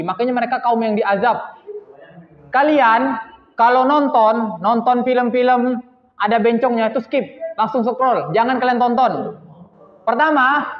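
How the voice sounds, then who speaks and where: A high-pitched man gives a religious lesson to his students, scolding them and firing rhetorical questions. He acts out little dialogues as he goes. The sound is dull and lo-fi, and it rings around a large echoing hall. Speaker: religious teacher addressing students.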